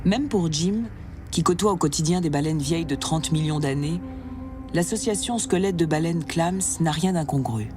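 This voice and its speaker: Documentary narrator, scripted nature narration, mid pitch, music clearly behind. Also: normal speed.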